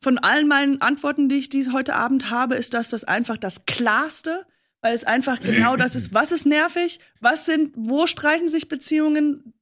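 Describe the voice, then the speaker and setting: A woman's voice: high voice, a bit bright. Theatrical woman with a raised voice. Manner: theatrical, mock-grand, slowing down for effect. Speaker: panel player. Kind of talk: playful comic monologue.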